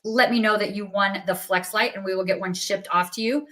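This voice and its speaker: Bright, bubbly woman hosting a livestream. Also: mid-range voice, steady tone, fairly quick. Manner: bubbly, chatty, upbeat. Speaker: livestream host for a craft company. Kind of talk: live sales stream chat.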